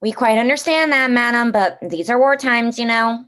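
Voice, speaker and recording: An actress plays a hospital receptionist in a 1940s-style radio drama. Her voice is fairly high and clipped. She is brisk, formal and politely officious. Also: fairly bright tone, close to an everyday voice.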